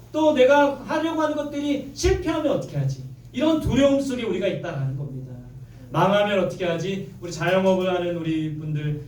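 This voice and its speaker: High-voiced man preaching in an echoey church. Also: darkish tone. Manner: preaching with call-and-response, leading the congregation in repeating verses. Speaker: pastor. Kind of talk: sermon. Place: church sanctuary. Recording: echoey church, mic at a distance. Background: congregation answering amen.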